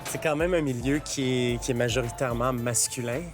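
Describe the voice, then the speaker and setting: A man's voice: mid-range voice, fairly even intonation, a little fast, over music. Joking male show host. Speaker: travel food show host. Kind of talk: casual chat and interviewing.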